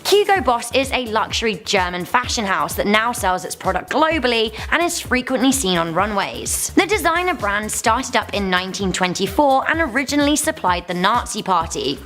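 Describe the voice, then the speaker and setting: A woman's voice: mid-range voice, fairly bright tone. A woman hosting a top ten countdown, narrating in an upbeat, chatty way with informal asides and emphatic delivery. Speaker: host of a countdown video. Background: background music.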